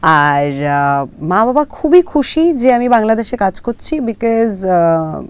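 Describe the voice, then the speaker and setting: A young woman from Kolkata with a Kolkata Bengali accent, answering interview questions hesitantly, with drawn-out fillers and English words dropped in. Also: mid-range voice, sing-song, clean tone, dry recording. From Kolkata, India. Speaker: actress guest.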